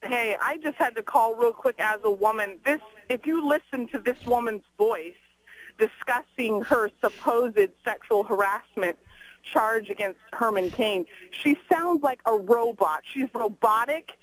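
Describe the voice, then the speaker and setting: A woman's voice: fairly high pitch, a little slow, breathy edge. A woman calling in to a radio talk show, speaking passionately and emphatically. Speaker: caller. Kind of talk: call-in radio conversation. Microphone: telephone line. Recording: phone line on talk radio.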